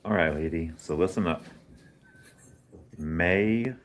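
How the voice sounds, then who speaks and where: A man's voice: low voice, steady tone, normal speed, fairly bright tone, a little hiss or hum. A man with a Southern Arkansas twang, speaking in a pre-recorded video message. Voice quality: drawling twang.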